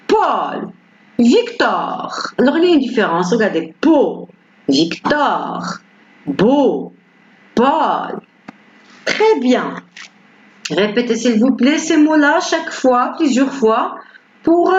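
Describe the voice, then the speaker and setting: A woman teaching beginners French pronunciation, patiently repeating each word slowly and clearly; her first language is Arabic. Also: on the high side. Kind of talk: slow beginner pronunciation lesson. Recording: roomy, slightly dull recording with faint ambience.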